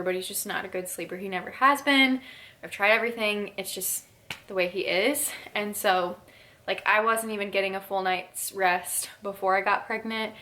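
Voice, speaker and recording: A woman's voice: medium pitch, pushed and bright. A woman in her twenties talking casually to her viewers in a vlog, a bit out of breath, chatty and full of fillers. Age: 20s. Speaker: YouTuber.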